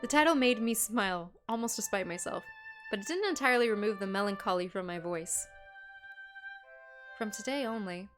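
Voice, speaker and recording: A woman's voice: mid-range voice, expressive, fast talker, over music. A woman gaming streamer reading a story game aloud, tripping over long words and laughing at herself. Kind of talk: reading a visual novel aloud with asides.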